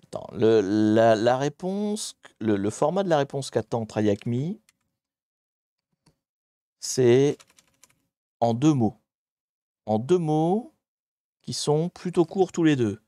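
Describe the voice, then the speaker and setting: A man streaming live, chatting with his viewers as he hunts through online maps and grumbles at the software. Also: mid-range voice, lively intonation, slow, long pauses, no room sound, studio quality. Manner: chatty, talks to chat while searching maps, mildly exasperated. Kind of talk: live-streamed geography puzzle commentary.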